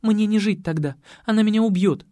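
Мужчина, озвучивающий болтливую пугливую молодую женщину, которая щебечет и хнычет. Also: male voice, high-pitched, brisk, warm tone, no echo, studio quality, voice pushed up, natural voice. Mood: pleading. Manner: chirping, whiny, pleading. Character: young woman, chattering, jumpy and gossipy.

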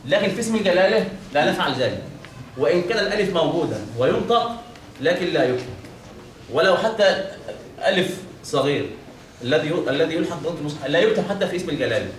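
A man with an Egyptian accent teaches a recitation lesson, keeps throwing questions out and answering them himself. His voice sits high and he talks quickly. He sounds distant from the mic in a very echoey room with a faint hum. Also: expressive. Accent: Egyptian Arabic. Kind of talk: classroom lesson on Quran recitation.

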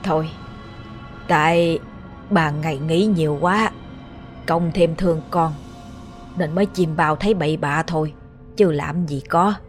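A woman's voice: low-pitched, measured pace, pauses often, faint music behind. A woman with a Southern Vietnamese accent voicing an older head of the house who dismissively soothes his family. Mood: soothing. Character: older village man, falsely calm head of house.

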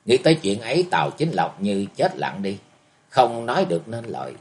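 Expressive male storybook narrator. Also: fairly low pitch, normal speed. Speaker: audiobook narrator. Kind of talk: martial arts novel narration.

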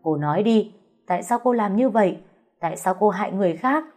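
A woman's voice: fairly low pitch, normal speed, mellow, faint music behind, lightly acted. A woman voicing a cold, harsh young husband in an audio story, speaking in an accusing tone.

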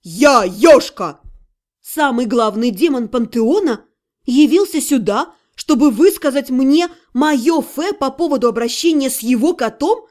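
A woman narrating a first-person fantasy audiobook in a brisk, wry storytelling voice. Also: sits high, animated, a little mellow.

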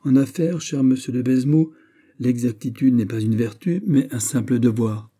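A man voicing a shrewd, calm bishop who questions his host in a measured, quietly insistent way, in an audiobook reading. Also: mid-range voice, natural voice. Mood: probing. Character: calm, shrewd male bishop, smoothly probing.

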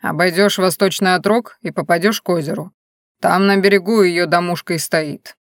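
A woman voicing a chained male bear forest spirit who speaks in curt, flat threats. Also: on the low side, normal speed, no room sound, clean studio sound, lightly acted. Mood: gruff.

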